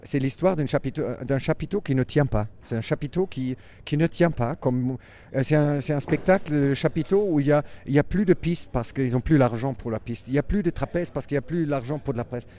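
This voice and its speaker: A man with a German accent, a circus performer answering interview questions in a halting, reflective way with many restarts. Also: on the high side, dark tone.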